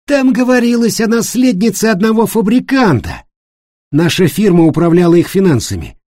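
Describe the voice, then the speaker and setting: An eager, pushy businessman in an audiobook, his voice raised high and loud as a male narrator puts him on. The delivery is insistent and animated, with a dark, husky tone in a dry, close recording. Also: normal speed, dry recording. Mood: excited. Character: excited talkative man, a businessman.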